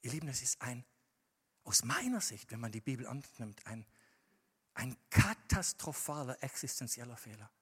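Husky-voiced preacher man in a reverberant hall. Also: medium pitch, expressive. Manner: swings from quiet, measured reading to loud, impassioned emphasis. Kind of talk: sermon.

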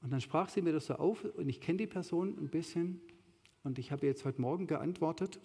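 A man's voice: fairly high pitch, a little fast, dark tone, breathy edge. Man preaching in a reverberant hall. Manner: conversational, emphatic, rising to stressed peaks. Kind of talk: sermon with slides.

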